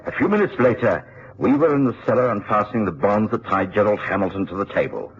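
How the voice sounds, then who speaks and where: An actor in a radio drama playing an earnest, loyal Victorian doctor who is both companion and narrator. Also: male voice, fairly low pitch, animated, fast talker. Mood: grave narration. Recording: muffled, hissy old radio recording.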